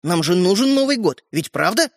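A woman voicing an impatient, hot-tempered schoolboy brother in an audiobook, insistent and forceful. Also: on the low side, sing-song, no echo. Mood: determined. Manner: insistent, shouting, slow and forceful. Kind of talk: audiobook character voice. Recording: dry close recording.

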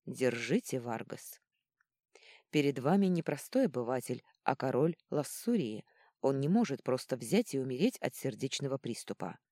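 A stern, commanding female archmage snaps out short orders in a low, mellow voice, as a woman reads her in an audiobook. Her pitch swings widely between commands. The sound is close and dry. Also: sing-song, moderate pace, dry recording, exaggerated voice. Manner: clipped, sharp orders.

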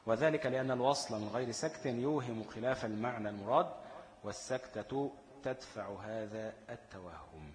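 A man with an Egyptian accent leads a tajweed lesson at an even middle pitch. He quizzes his students and answers his own questions, then slows down to chant each quoted verse. His voice rings with a long reverb, as if in a large hall. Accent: Egyptian Arabic. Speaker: Quran recitation teacher. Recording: echoey room with long reverb.

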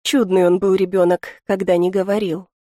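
A woman narrates a first-person audiobook in a measured, intimate way. Her voice sits in the middle of the range for a woman. The recording is dry and close, with no sound of the room. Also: mid-range voice, flat delivery, mellow, no echo.

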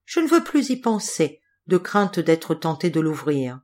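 A woman's voice: deep voice, very animated, a little slow, a little mellow. A woman voicing a kind, earnest fifteen-year-old girl in an audiobook fairy tale. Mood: resolute.

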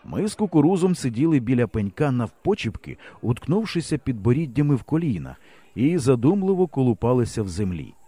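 A male audiobook narrator with a warm, mellow voice. His intonation rises and falls widely as he tells the story with expressive humor. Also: mid-range voice, fairly quick, no echo. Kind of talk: scripted narration.

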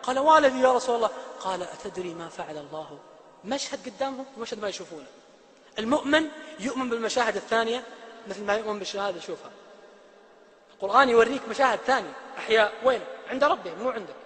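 Brief: male preacher, quick and bright, sermon in a reverberant hall. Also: high voice. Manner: animated, swings from loud emphatic to hushed.

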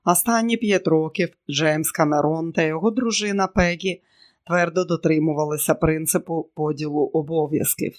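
A man narrating an audiobook in a measured, steady way. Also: on the high side. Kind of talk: scripted narration.

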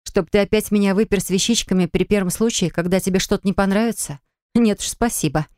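A woman narrator voicing an indignant, stubborn young woman in an audiobook, answering in sharp, reproachful retorts. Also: mid-range voice, quick pace, no room sound, clean studio sound, pitched above the performer's own voice, close to an everyday voice. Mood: cold. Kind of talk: audiobook character reading.

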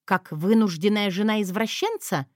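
A woman voicing a sharp-tongued, defiant young heroine. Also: medium pitch, normal speed, no echo, clean studio sound, lightly acted. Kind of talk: audiobook character voice.

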